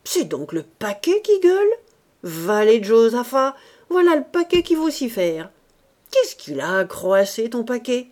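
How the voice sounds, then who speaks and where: A woman voicing a blustering gruff old vagabond. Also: mid-range voice, big pitch swings, measured pace, warm tone. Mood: loud bluster. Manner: blustering, ranting, grandly insulting. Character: gruff grumbling old male vagabond philosopher. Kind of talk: audiobook character reading.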